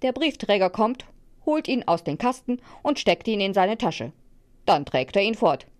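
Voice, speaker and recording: A woman playing a rasping old door. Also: medium pitch, very animated, moderate pace, natural voice. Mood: pompous. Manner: pompous, formal.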